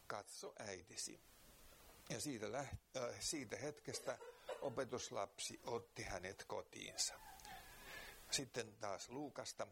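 A man reads scripture and prays in a slow, earnest preaching manner with some hesitant fillers. His voice has a gravelly, creaky edge at a medium pitch. Faint background noise sits under the recording. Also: a bit bright. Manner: slow, earnest Bible reading with pauses and fillers. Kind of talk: reading scripture and praying.

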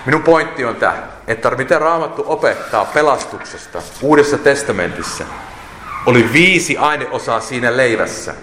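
A man's voice: mid-range voice, background noise. Male preacher, emphatic sermon delivery, long church reverb. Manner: emphatic, lists points and quotes scripture. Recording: echoey hall with long reverb.

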